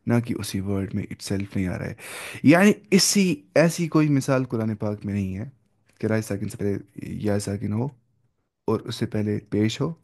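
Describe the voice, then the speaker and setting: A man teaching the rules of Quran recitation in a conversational lesson. He mixes in English words, often checks that students follow with "okay?", and slows down to demonstrate each recited example. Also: lowish voice, darkish tone.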